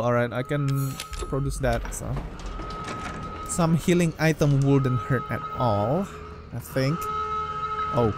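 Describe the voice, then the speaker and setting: A man commenting on his horror game run, talking to himself and bursting into startled outbursts. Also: on the high side. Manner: excitable, jumpy, talks to himself with loud startled outbursts. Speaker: gameplay commentator. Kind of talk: let's play commentary. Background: game music and sound.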